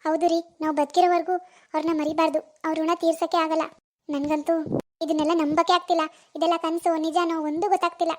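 A woman's voice: very high-pitched, level tone, fast. Woman voicing a doting young cartoon mother. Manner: fussy, chatty, coos softly to the baby. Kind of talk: animated cartoon voice acting.

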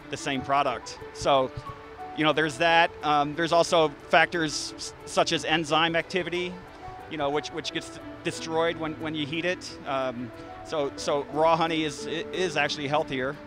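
Outdoors by the hives in a garden, a male beekeeper in his thirties speaks into a handheld mic in a slightly high, easygoing voice. His casual explanation to an interviewer halts often, with plenty of restarts and fillers. Soft music plays underneath.

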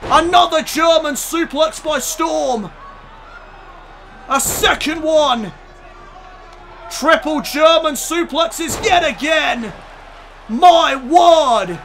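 A man with a very high, bright voice shouts dramatic wrestling play-by-play over a game, his voice straining from the effort. He calls the action at an unhurried pace. A faint arena crowd murmurs behind him. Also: a little hiss or hum. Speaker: YouTube gaming commentator.

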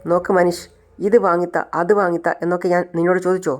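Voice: medium pitch, flat delivery, fast talker, close to an everyday voice. The narrator voicing a proud, scornful young mother. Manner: cutting, scolding. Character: proud stubborn young mother, sharp-tongued.

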